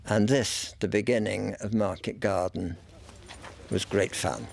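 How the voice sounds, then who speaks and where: An older man, a war veteran, recalling his wartime memories in a measured, reflective way. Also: lowish voice, steady tone, creaky, darkish tone, slight background noise.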